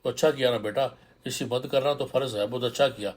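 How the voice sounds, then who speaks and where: A man's voice: mid-range voice, fairly even intonation, lightly acted. A man doing a kindly old tanga driver. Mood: fatherly. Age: older. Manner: fatherly, calls others son. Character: elderly kindly male tanga driver, poor.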